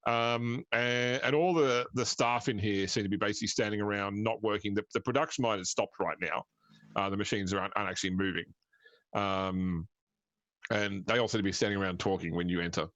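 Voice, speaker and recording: A man working as game master, improvising tabletop scene narration in a halting way, piecing descriptions together as he goes. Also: lowish voice, steady tone, fairly bright tone, no room sound.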